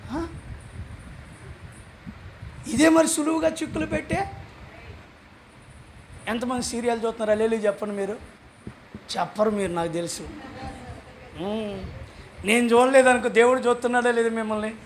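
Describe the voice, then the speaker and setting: Male pastor, very high voice, sermon with sudden shouts, faint noise behind. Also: steady tone, a little fast, pauses often. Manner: preaching with sudden shouted calls for hallelujah; conversational, acts out little dialogues.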